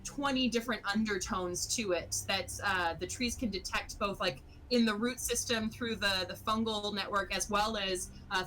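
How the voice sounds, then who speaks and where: A woman's voice: medium pitch, sharp tone, a little hiss or hum, low-quality recording. A woman narrating as game master of a tabletop game, rambling and hesitant, with many fillers.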